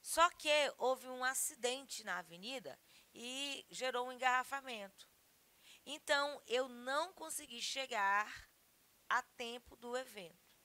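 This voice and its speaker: A woman's voice: high voice, a little slow, pushed and bright. A woman with a Brazilian Portuguese accent teaching a grammar lesson, explaining patiently and asking and answering her own questions. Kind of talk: grammar lesson, correcting exercises.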